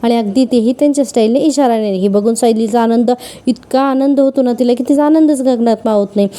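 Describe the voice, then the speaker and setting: A woman recapping a TV serial episode in casual, animated storytelling that acts out the characters' lines. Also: on the high side, brisk. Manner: animated storytelling, acting out quoted dialogue. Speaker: TV serial reviewer.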